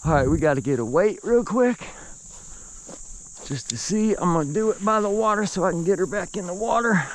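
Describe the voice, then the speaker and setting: A man's voice: sits high, fairly quick. A man hosting his own fishing video outdoors by a lake, recorded on an action camera, who keeps talking to himself and to the fish he lands. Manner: excitable, talks to himself and the fish. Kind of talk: casual fishing vlog commentary.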